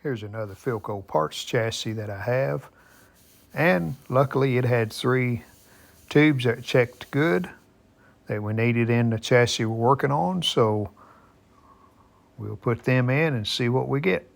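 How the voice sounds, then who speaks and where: A middle-aged man with a creaky, medium-pitched voice talks a little slowly as he works at a bench in an indoor home workshop. He's a hobbyist repair vlogger offering unscripted, folksy, matter-of-fact how-to commentary.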